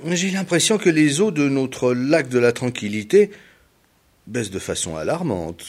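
A man's voice: medium pitch, big pitch swings, moderate pace, voice pushed up. A man doing a worried, earnest heron. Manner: earnest, cautioning. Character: worried, sensible male heron.

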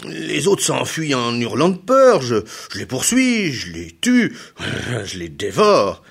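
A man voicing a fire-breathing mountain ogre in a storybook tale, loud and exasperated. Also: mid-range voice, wildly swooping pitch, slow, gravelly, breathy edge, voice pushed up, exaggerated voice. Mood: baffled, exasperated.

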